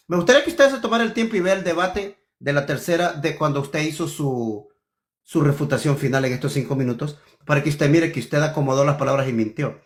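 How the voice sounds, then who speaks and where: A man in a heated theological debate, accusing his opponent and stressing key words over and over. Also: a little high.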